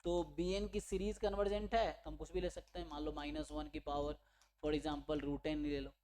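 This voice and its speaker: A man's voice: on the high side, level tone, moderate pace, darkish tone. A man teaching a maths lecture for exam preparation, explaining step by step and checking in with his students. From India. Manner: explains step by step, mixing English terms and checking in with listeners. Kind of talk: online exam-prep lecture.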